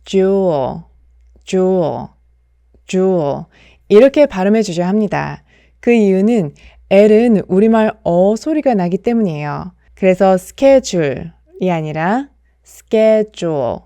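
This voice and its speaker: A young woman teaches pronunciation in an unhurried, measured way, saying each model word several times with care. Her tone is soft and mellow, and the sound is dry and close. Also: mid-range voice, animated, dry recording. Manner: carefully repeats model words slowly, explains in between. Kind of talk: scripted pronunciation lesson.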